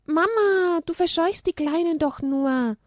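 An eager little girl from a storybook, put on by a woman narrator, her voice pitched high and bright. The recording is dry and close, with no room sound behind her. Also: measured pace, dry recording. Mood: pleading. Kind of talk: storybook reading.

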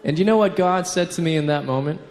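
A man in his thirties gives a live faith talk in short, earnest phrases, slipping in dry jokes at his own expense. His voice sits a bit high for a man, and it rings out with a long hall reverb. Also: fast, a little hiss or hum. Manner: earnest, with light self-mocking humor.

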